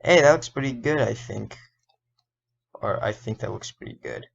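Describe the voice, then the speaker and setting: A man explaining an animation as a casual tutorial, thinking aloud and correcting himself, his voice a little hoarse. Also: mid-range voice, normal speed. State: slightly hoarse. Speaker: indie game developer and animator. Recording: dull lo-fi recording.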